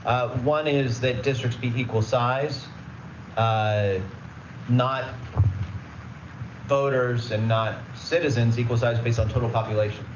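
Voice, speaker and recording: A man's voice: mid-range voice, steady tone, a little slow, pauses often, roomy sound, distant mic, lo-fi sound, noisy background. A man giving a conversational presentation at a public meeting, explaining rules with everyday examples and plenty of fillers. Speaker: redistricting consultant presenting.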